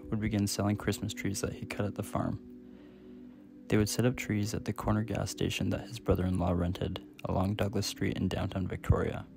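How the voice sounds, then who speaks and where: A young man from Canada, vlogging with relaxed, rambling talk in a small wooden cabin and narrating over footage. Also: sits low, creaky. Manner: relaxed, rambling, thinking aloud. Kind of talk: casual vlog talk and scripted voice-over narration.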